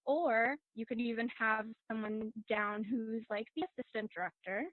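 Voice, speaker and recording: A woman drama instructor giving calm, instructive audition advice in a casual chat over a video call. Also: on the high side, dry recording. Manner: instructive, encouraging, measured. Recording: tinny phone-like video call audio.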